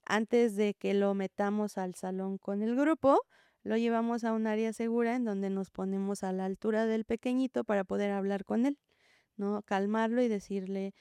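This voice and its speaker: A woman, a preschool teacher, explaining gently in an interview and acting out what children and teachers say. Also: mid-range voice, steady tone, moderate pace, smooth, no room sound. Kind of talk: interview answer, calm explaining.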